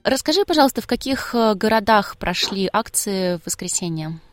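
A woman presenter introducing a news item and interviewing a guest in a clear, composed delivery. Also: medium pitch, animated, brisk, no echo, faint music behind.

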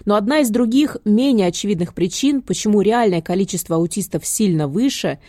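A woman's voice: mid-range voice, animated, fairly quick, warm tone, dry recording, clean studio sound. A woman reading scripted narration for a news report as a reporter. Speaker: radio reporter.

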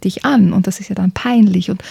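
A woman hosting a book podcast, reading a bedtime-style story in a hushed, half-whispered voice. Her tone is dark and mellow with a gravelly, husky grain. The sound is close and dry. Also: medium pitch, brisk, no echo. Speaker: podcast host presenting a children's book. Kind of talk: reading a children's story aloud, then chatting.

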